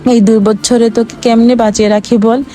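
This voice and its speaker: A woman voicing a poor, gentle farmer who pleads and speaks tenderly to his ox. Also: on the high side, level tone, fairly quick, faint music behind, lightly acted. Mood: tender sorrowful. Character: poor, gentle, sorrowful farmer man, middle-aged.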